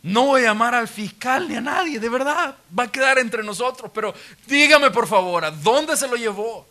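A man's voice: very high voice, animated, normal speed, sharp tone, pitched above the performer's own voice, full character voice. A man voicing a grieving, desperate woman who begs a stranger to tell her where her lord's body was taken. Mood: pleading. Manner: pleading, breathless, urgent.

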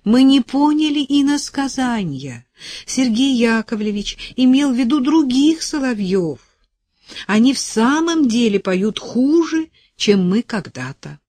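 A woman voicing an elderly female singer in an audiobook, animated and exclaiming. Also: fairly high pitch, measured pace, dry recording, pitched above the performer's own voice. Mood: eager.

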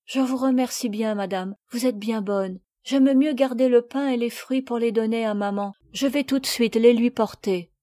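Frail, polite peasant girl in a storybook, read by a woman; high, soft, close and dry. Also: moderate pace, few pauses, no echo, natural voice. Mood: meek, pleading. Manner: timid and polite, higher childlike voice. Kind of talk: audiobook character reading.

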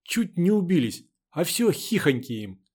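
A man reading the part of a grumbling older mechanic who teases the girls gruffly. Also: a little high, very animated, unhurried, a little mellow, pitched above the performer's own voice, full character voice. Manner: gruff, teasing.

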